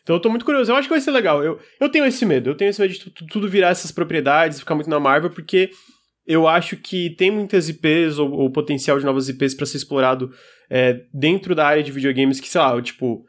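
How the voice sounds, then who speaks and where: A man with a Brazilian Portuguese accent hosts a casual gaming news chat. His voice sits a little high for a man, and he talks very quickly in a conversational way. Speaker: podcast host. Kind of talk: casual chat about video game news.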